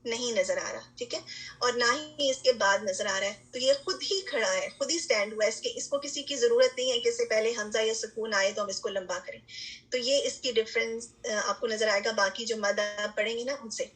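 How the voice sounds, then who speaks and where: A woman's voice: a little high, fairly bright tone, low-quality recording. A woman teaching a recitation lesson, explaining step by step and often checking in with her students. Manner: patient explaining, frequent "theek hai" check-ins, English terms mixed in. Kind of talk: online lesson lecture.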